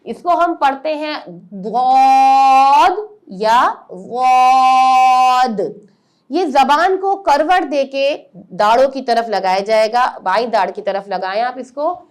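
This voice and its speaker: A woman with a high-pitched voice teaches Quran letters step by step, giving patient explanations. She follows them by drawing out each letter sound slowly and loudly.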